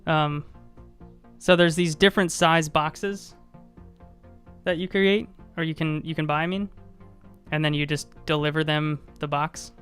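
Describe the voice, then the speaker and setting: A man's voice: a little high, little pitch movement, unhurried, pauses often, fairly bright tone, clean tone, soft background music. A man co-hosting a podcast, chatting casually on a live stream and rambling with many fillers and restarts. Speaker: podcast co-host.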